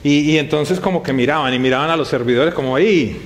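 A pastor delivers a sermon in a raised, fairly high male voice. He keeps it conversational, leaning on rhetorical questions aimed at his congregation. The delivery sounds like live preaching in front of a gathered church. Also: quick pace.

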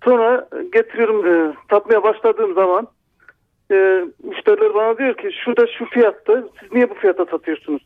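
Give me a high-voiced man, a shopkeeper calling in over a landline phone, halting and slow. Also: dry recording. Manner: halting, slow, many pauses. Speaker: radio caller, shopkeeper. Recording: tinny dry phone line.

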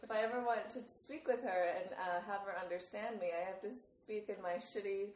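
A woman's voice: medium pitch, fairly even intonation, fairly quick, echoey room, a little hiss or hum, rough recording. A woman co-hosting a podcast in casual chat, telling a rambling story and laughing often. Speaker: podcast co-host.

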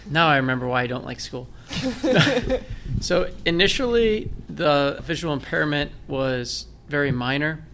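A blind military veteran, he comes from Michigan and carries a Northern Michigan accent. His voice sits on the high side, animated and fairly bright, and he talks a little slowly over slight background noise, telling his story in a conversational interview laced with jokes about himself.

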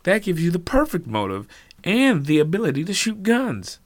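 A man's voice: sits high, wildly swooping pitch, normal speed, dry recording, voice pushed up, exaggerated voice. A man voicing a defensive adult man who argues insistently and lays out his reasoning. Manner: insistent, building an argument. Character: defensive adult male host, reasoning urgently.

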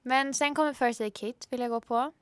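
A teenage girl co-hosting a casual podcast in a small studio, bubbly and giggly, swinging between loud and soft. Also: high voice, fairly even intonation. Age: teens. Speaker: podcast co-host.

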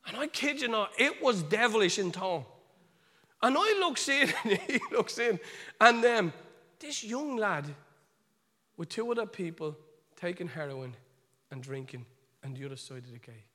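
A man with a Dublin Irish accent, telling a story in a sermon, chatty and animated, with asides to his listeners. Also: high-pitched, normal speed, long pauses. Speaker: preacher. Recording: long reverb of a large hall.

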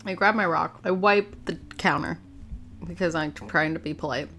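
A woman's voice: lowish voice, moderate pace, a bit bright, faint music behind. A woman playing a tabletop role-playing game, casual and giggly. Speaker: player.

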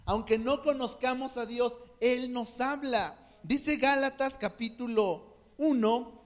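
A man's voice: very high-pitched, takes it slowly. A man with a Mexican Spanish accent preaching a sermon, earnest, often repeating words as he searches for them.

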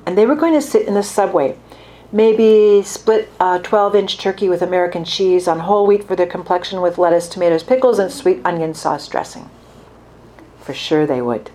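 Woman calmly reading her fiction aloud. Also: fairly low pitch.

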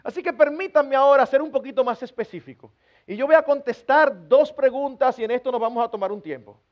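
Fairly quick and very high-voiced, a pastor preaches earnestly to his congregation, comically acting out parents scolding their kids in everyday family scenes. The audio is dull.

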